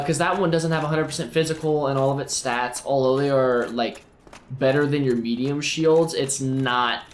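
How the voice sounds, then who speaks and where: A man giving playful, animated commentary while playing a video game, with sing-song asides. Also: mid-range voice, reverberant, slight background noise, poor audio. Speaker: gameplay streamer. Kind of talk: casual gameplay commentary.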